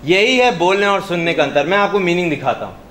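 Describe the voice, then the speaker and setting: A high-pitched male trainer leads a workshop, hammering key words and firing questions at the room. He is heard from a distance in a reverberant hall, with faint noise in the background. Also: expressive, fast, fairly bright tone. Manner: emphatic, quizzes the audience, mixes in English. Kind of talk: interactive workshop teaching. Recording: echoey room, far from the mic, faint noise.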